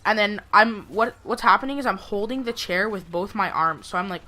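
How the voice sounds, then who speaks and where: A young woman talks casually, as in a personal gameplay commentary. Her voice is bright and sharp-edged, at an average pitch for a woman. She rambles through her story with plenty of conversational filler. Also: fairly quick, rough recording. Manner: rambling, frequent "like" and "you know". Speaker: gameplay video creator.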